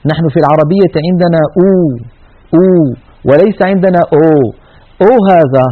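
A man teaching Quran recitation in an earnest tajweed lesson, demonstrating each sound. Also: fairly high pitch. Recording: tinny narrow-band radio sound.

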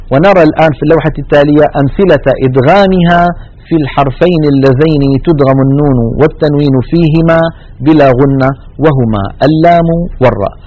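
A man teaches Quran recitation rules step by step, explaining each rule and then reciting its examples twice, slowly and drawn out. His voice is fairly high and a little mellow, in a dry recording with the highs cut off.

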